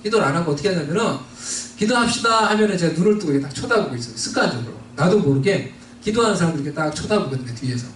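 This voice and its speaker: A man delivers a storytelling sermon in a high, animated voice that rises and falls widely. He sits back from the microphone in a roomy church, with faint noise underneath. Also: very fast, recorded from a distance. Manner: storytelling, switching between Korean and English. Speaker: pastor. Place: church sanctuary.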